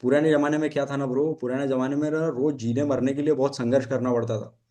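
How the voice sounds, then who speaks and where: A man's voice: medium pitch, fairly even intonation, quick pace, dark tone. A man hosting a casual podcast chat as a dating coach, telling stories from his own life in a Hindi and English mix and laughing often.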